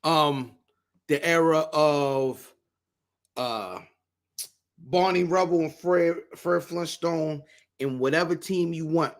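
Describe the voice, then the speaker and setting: A man's voice: a little high, takes it slowly, pauses often. A man co-hosting a podcast, telling loose, slangy stories in casual chat. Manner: laid-back storyteller, slangy, repeats "you know what I'm saying". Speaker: podcast co-host.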